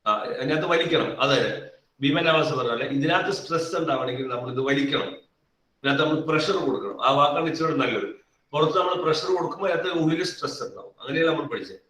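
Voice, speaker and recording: A male physics teacher leads a live online class, calling on students by name and repeating key phrases again and again. His voice is bright and fairly high. He sits well back from the mic in an echoey room. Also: quick pace, recorded from a distance. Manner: calls on students by name and coaxes answers.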